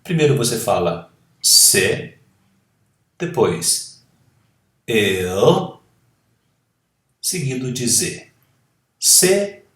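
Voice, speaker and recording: Man, English teacher, Portuguese native, slow and deliberate, lively intonation, echoey room. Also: fairly low pitch. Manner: slow, careful, drawn-out model pronunciations. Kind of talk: language lesson.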